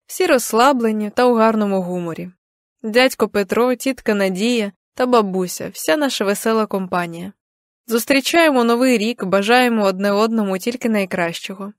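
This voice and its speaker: Young woman reading a story aloud, gentle and even, dry studio sound. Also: mid-range voice, moderate pace, dry recording. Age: young adult. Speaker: audiobook narrator. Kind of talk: first-person audiobook narration.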